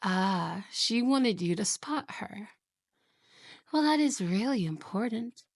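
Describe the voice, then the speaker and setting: In an ASMR roleplay, a woman plays a jealous, possessive young wife, purring her words very slowly with a gravelly, creaky edge and slipping into hushed whispers with giggles. She sounds sweet yet quietly menacing, speaking softly and expressively at medium pitch, close to a dry, dead microphone with no echo.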